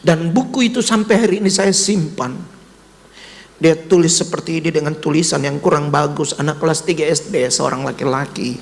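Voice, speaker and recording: Speaking briskly with vocal fry, this pastor preaches in a large hall. His sermon weaves in personal testimony, directed right at the listeners, and grows emotional, peaking in high cries as he quotes his son.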